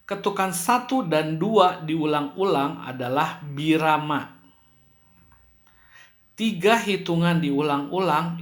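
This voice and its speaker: Slow-talking male teacher in an echoey room. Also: on the high side, fairly bright tone. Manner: slow, clear explaining with playful sound demonstrations. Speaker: music teacher. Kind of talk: school lesson video.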